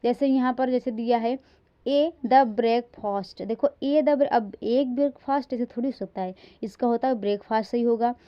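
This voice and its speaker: A woman teaching an English grammar lesson in a classroom lecture style. She reads example sentences slowly, stresses each word, and often checks in with her listeners. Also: on the high side, clear, resonant tone, dull audio.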